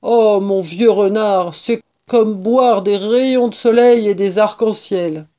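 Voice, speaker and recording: Storybook badger, friendly and hearty, drawn-out exclamations a woman plays it. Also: medium pitch, dark tone, natural voice. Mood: delighted.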